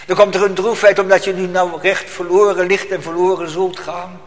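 A man's voice: high voice, flat delivery, moderate pace. A man preaching a solemn, emphatic sermon to his congregation in a church. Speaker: pastor. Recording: long church hall reverb.

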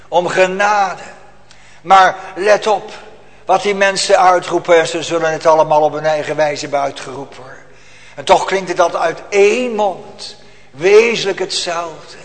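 Male pastor, high-pitched, solemn and emphatic sermon delivery, reverberant church hall. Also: a bit bright. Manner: solemn, emphatic pulpit preaching.

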